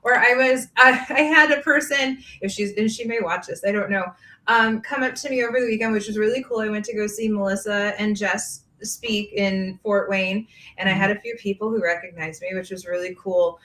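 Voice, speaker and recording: An upbeat woman with a bright, forceful voice who rambles cheerfully and laughs easily as she chats. She sounds like she is in a roomy, echoey space. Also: medium pitch, steady tone, fairly quick. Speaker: podcast host, grooming business owner. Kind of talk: casual podcast conversation. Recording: echoey room.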